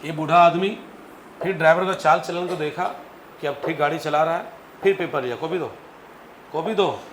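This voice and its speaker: A man teaching physics in a lively classroom lecture, calling on students to answer aloud and acting out stories. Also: on the high side, a little fast. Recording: echoey classroom with faint noise.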